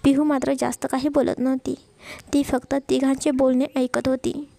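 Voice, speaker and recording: A woman narrating a romance story in a steady, even-paced reading. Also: high voice, normal speed, vocal fry, dry recording.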